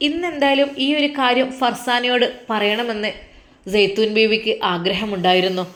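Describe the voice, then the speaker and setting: A woman narrating a story at a steady, plain pace. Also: on the high side, normal speed.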